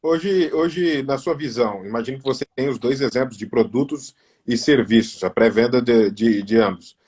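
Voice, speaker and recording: A man hosting an interview, asking long, halting questions with repeated words. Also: medium pitch, darkish tone, breathy edge. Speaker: host.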